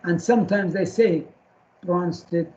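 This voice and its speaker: A male chemistry lecturer speaks slowly and deliberately in a classroom, frequently pausing to quiz students with short questions and repeating names and key terms again and again. His voice sits high with a darkish tone, and the recording is muffled and lo-fi.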